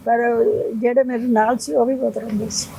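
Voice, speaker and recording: Older woman, low gravelly voice. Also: fairly even intonation, brisk, dark tone, slight background noise, poor audio. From Punjab. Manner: plain storytelling, retelling others' words. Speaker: interview guest. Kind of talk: emotional interview.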